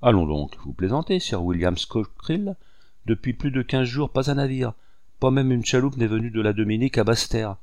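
A man's voice: mid-range voice, expressive, brisk, a little mellow, dry recording, close to an everyday voice. A man voicing a proud, earnest military commander in a storybook reading. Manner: haughty, earnest.

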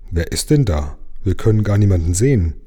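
A man voicing a calm, friendly, polite engine driver while reading a storybook aloud. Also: deep voice, fairly quick, slightly rough, heavily acted. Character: calm, kindly adult engine driver, pipe-smoking.

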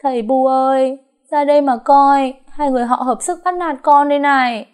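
A woman's voice: medium pitch, normal speed, voice pushed up, natural voice. A woman voicing a brash, tipsy, scheming young wife who wails theatrically. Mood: fake wailing. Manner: loud, theatrical, wheedling wails.

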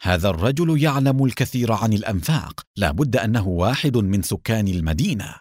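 An eager young woman calls out with an urgent lift in her voice, as a male storyteller puts her on. It sounds lively and animated, recorded dry and close for an audiobook. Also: on the low side, fast talker, no room sound. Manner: urgent, raised voice.

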